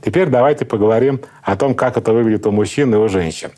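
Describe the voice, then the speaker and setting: A middle-aged man, a psychotherapist, calmly explaining in an interview in a lecturing manner. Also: lowish voice, quick pace. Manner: calm, lecturing, acts out example speakers. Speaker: psychotherapist guest.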